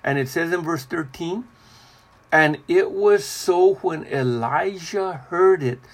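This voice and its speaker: A man preaching a devotional sermon in a slow, deliberate, repetitive cadence. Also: on the high side.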